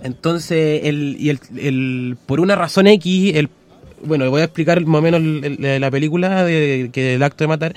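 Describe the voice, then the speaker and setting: Chilean man, radio co-host, slightly higher voice, stop-start storyteller. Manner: halting, many restarts while retelling a film. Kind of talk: casual radio chat.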